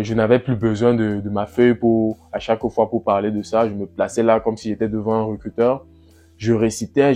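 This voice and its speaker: A man talking casually in a vlog, relaxed and repetitive, often restarting phrases and pausing on fillers. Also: fairly low pitch. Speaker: vlogger. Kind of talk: casual first-person vlog.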